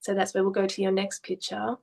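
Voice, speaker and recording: A woman art therapist gently asking questions and explaining what a client's drawings mean. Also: medium pitch, monotone, fairly quick, vocal fry, poor audio. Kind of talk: therapy session conversation.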